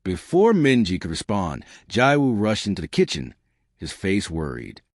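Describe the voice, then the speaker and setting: In clean studio audio with no room sound, a man reads a scripted story at a moderate pace. He tells it with energy, lifting and changing his pitch whenever he voices a character's quoted lines.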